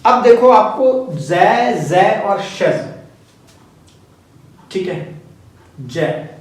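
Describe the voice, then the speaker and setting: A male teacher with a high voice explains phonetics rules for an exam. He patiently goes over each point several times. The sound is heavily echoey, as if captured in a bare room. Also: very animated, very slow. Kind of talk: exam-prep phonetics lesson. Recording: very echoey room, voice far from mic.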